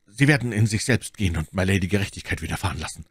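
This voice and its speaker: A man's voice: low voice, expressive, rapid-fire, husky, no room sound. Man playing a curt, zealous young officer. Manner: curt and pressing. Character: intense young puritan officer, grim and zealous. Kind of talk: audiobook character voice.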